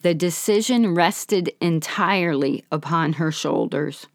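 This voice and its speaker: Slightly hoarse from feeling unwell, a woman hosting a podcast tells a story in a calm, gentle, measured manner. Her voice is on the low side, recorded at studio quality with no room sound.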